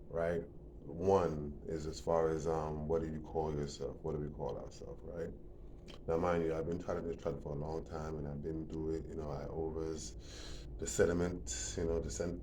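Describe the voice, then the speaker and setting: A man's voice: extremely low pitch, mellow, a little hiss or hum. A man giving a casual, rambling monologue, often repeating words and building to emphatic points.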